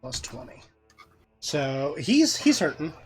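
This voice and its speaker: A man running a tabletop game as dungeon master, calmly explaining rules and calling turns. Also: fairly high pitch, slow. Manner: patient, rule-explaining, easygoing.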